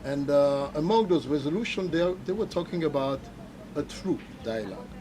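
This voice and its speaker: A man, a journalist, asking a long, halting question at a press event. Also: a little high, expressive, background noise. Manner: halting, many fillers and restarts.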